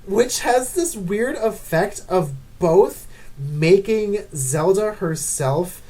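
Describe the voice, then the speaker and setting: A woman's voice: mid-range voice, lively intonation, slow, mellow. A woman giving unscripted, ranting commentary as she ranks game characters, exasperated and full of "like" fillers. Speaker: video creator ranking game characters.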